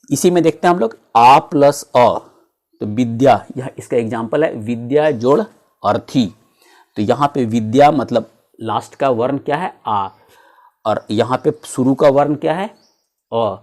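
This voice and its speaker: A man's voice: medium pitch, measured pace, a little mellow. Man teaching a grammar lesson. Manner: explains step by step, asks rhetorical questions.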